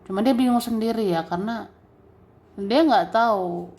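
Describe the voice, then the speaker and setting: A woman giving a general tarot reading straight to the listener in a relaxed, chatty way, with many fillers and soft laughs. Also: mid-range voice, normal speed. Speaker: tarot reader.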